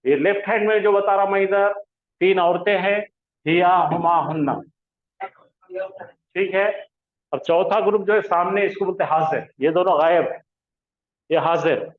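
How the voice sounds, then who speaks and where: A man's voice: high-pitched, moderate pace, slight background noise. Man teaching over a tinny echoey line. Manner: drills pronouns with call-and-response questions. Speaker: Arabic grammar teacher. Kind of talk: classroom lesson.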